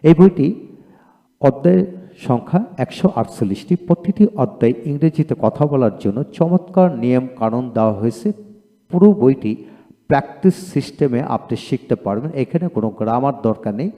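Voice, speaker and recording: Male language teacher, patient drilling delivery, warm dark voice. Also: medium pitch, lively intonation. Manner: drills word pairs slowly, repeating each twice. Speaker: spoken English teacher. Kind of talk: classroom-style pronunciation lesson. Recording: roomy hall reverb.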